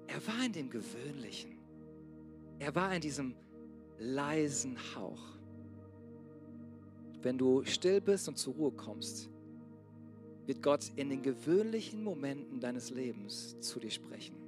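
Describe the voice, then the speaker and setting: German pastor preaching over soft music. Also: male voice, mid-range voice, very animated, slow, pauses often. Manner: dynamic preaching, swinging from loud urging to soft near-whispers. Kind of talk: sermon.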